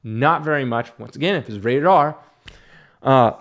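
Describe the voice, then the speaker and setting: A man's voice: mid-range voice, moderate pace, a bit bright. A man giving a casual, ranting film review in an exasperated, mocking way.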